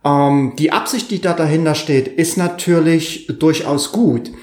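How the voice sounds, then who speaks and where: Male podcast co-host, sonorous velvety voice, slightly high pitch, thoughtful explaining, roomy echo. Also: a little slow, a little mellow. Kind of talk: conversational podcast discussion. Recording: roomy, echoing sound.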